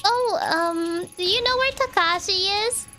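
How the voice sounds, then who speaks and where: Anxious young girl, played by a woman, innocent, stammering, very high pitch, game dialogue. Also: measured pace, bright, forceful tone, soft background music, exaggerated voice. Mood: worried. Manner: hesitant, stammering, questioning. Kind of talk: reading video game dialogue aloud.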